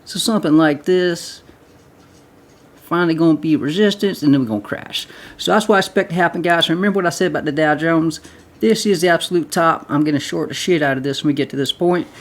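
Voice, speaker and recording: A man's voice: on the high side, fast talker. Rambling man explaining trading charts. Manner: rambling, repeats himself, addresses viewers as guys. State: short of breath. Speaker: crypto trading video host. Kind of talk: casual screen-share chart commentary.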